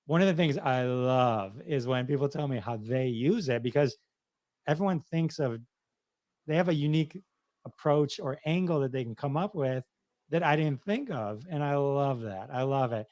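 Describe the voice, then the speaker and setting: A man's voice: medium pitch, animated, normal speed, darkish tone, no room sound. Rambling man explaining casually, dry sound. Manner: rambling, self-correcting, laughs easily. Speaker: podcast guest, software founder.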